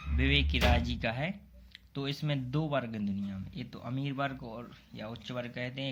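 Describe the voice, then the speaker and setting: A man tutoring students through exam answers in a relaxed, conversational way. His voice sits at an ordinary middle pitch. A faint hiss of background noise runs under the recording. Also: dull audio. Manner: plain explanatory talk, often addresses students directly. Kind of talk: casual exam-prep lesson.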